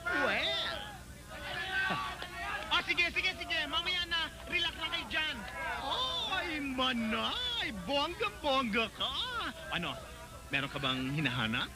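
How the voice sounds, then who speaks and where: High-voiced flamboyant club manager. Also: male voice, big pitch swings, slow pace, a crowd in the background, exaggerated voice, low-quality recording. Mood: breezy, sassy. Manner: campy, dramatic, gushing with slang.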